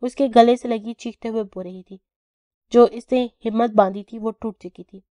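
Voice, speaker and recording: A woman narrating an audio novel in a steady, even storytelling way. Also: a little high, no room sound, clean studio sound.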